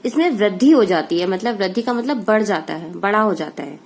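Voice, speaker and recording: A woman's voice: mid-range voice, animated, a little fast, darkish tone. A woman teacher giving a grammar lesson, asking questions and answering them herself, with a faint hiss behind her.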